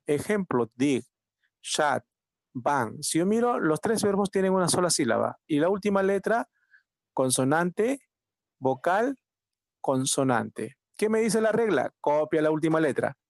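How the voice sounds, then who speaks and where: Male language teacher, fairly high voice, patient step-by-step explaining, dry close recording. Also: no room sound. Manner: patient, repeats key points, asks rhetorical questions. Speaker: English teacher. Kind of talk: online class explanation. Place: home, online class.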